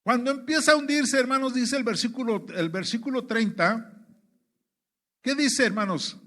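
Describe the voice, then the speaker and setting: Male preacher from Mexico, high voice, sermon delivery full of repeated "brothers" and rhetorical questions. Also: normal speed, pushed and bright.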